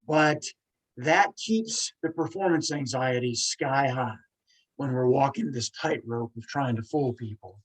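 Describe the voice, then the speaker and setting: A podcast host in his forties speaks in an earnest, emphatic casual monologue, coming out in quick bursts and stuttering with repeated sounds. His voice is mid-range, and the audio quality is poor.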